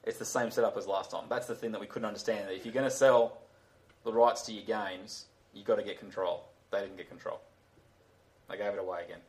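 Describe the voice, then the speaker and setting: A man's voice: on the low side, fairly even intonation, brisk, a little mellow, rough recording. A man co-hosting a sports podcast, arguing his point emphatically in casual chat. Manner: emphatic, argumentative.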